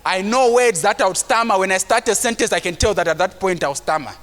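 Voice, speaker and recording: This motivational speaker talks quickly to a live audience at a conference, preachy and at times shouting, and he acts out the timid voices of people full of self-doubt. He has a very high, bright, forceful voice and a mild stammer he works around. The sound rings with the long reverb of a big hall.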